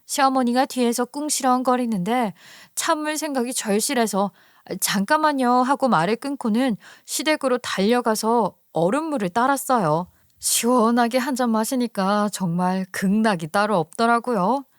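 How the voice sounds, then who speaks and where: Female story narrator, higher voice, dry sound, conversational and indignant. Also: normal speed, no echo.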